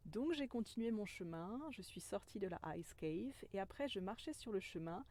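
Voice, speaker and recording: A woman who calls herself a medicine woman tells a spiritual story in a gentle, earnest way. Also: medium pitch, animated, normal speed. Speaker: spiritual guide, self-described medicine woman.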